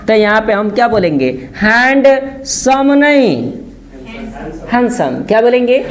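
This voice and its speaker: Male English teacher, lesson drill style, quizzes the class constantly, repeats and spells words. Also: high-pitched. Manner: drills by asking "what will we say?" again and again. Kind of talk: spoken-English lesson in Hindi.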